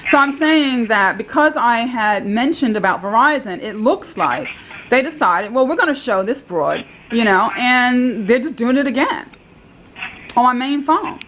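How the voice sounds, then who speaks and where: A woman's voice: a little high, expressive, unhurried, fairly bright tone, slight background noise. A woman calling tech support, talking in a rambling, insistent way and repeating herself. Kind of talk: phone call recorded by caller.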